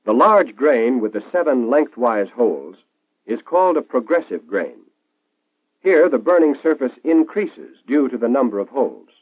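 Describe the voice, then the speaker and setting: Over a tinny vintage film soundtrack with limited bandwidth, an American man narrates in a clear, instructive 1940s style, his pitch lively and varied. The sound is dry and close, with no echo, and he talks at a normal speed.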